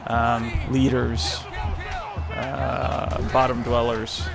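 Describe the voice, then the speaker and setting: A man's voice: mid-range voice, completely flat delivery, very slow, creaky, over loud music, over a noisy crowd. A man hosting a gaming channel, casually rambling over the gameplay with lots of fillers and self-mocking asides.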